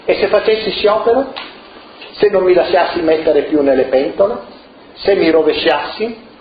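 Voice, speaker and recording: A man's voice: on the high side, normal speed, voice pushed up, natural voice. A man voicing a small, fretful male salt jar with a plaintive little voice, in a storybook reading. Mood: sulking. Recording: echoey room, muffled, faint noise.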